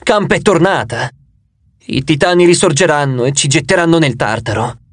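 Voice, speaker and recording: A man voicing a sad, hopeless male giant with a hundred hands who whimpers slowly in despair. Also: fairly high pitch, lively intonation, no echo.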